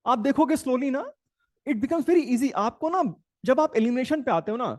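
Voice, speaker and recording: This is a middle-aged Indian man running a live exam-prep class, teasing his students and calling them "beta". His voice sits high and moves all over the place. The sound is dry and close, with no room around it. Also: animated, measured pace, darkish tone, no echo. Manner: chatty, joking, calls students "beta", mixes in English. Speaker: CAT exam tutor. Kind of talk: live online class in Hindi-English mix.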